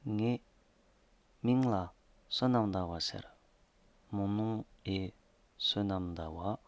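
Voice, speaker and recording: Slow, hesitant man teaching a lesson. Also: on the low side, no echo. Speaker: language teacher. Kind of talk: slideshow lesson narration.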